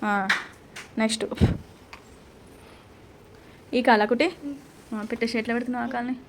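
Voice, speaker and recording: A mother walks her kids through making something from clay in a relaxed home video, firing off quick questions as she coaxes and instructs. She speaks in a fairly high, flat voice, with a faint hiss or hum in the background.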